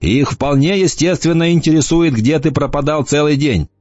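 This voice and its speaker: A man's voice: on the high side, moderate pace, a little mellow, no room sound, soft background music, pitched above the performer's own voice, close to an everyday voice. A man voicing a worried, earnest middle-aged father who sounds anxious. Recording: dull lo-fi dry recording.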